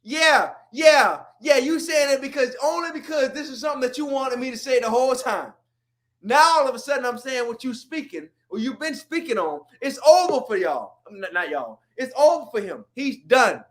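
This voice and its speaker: A man from Florida, co-hosting a sports podcast in a heated, animated rant that swings between shouts and low mutters. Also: moderate pace. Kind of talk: heated casual sports talk.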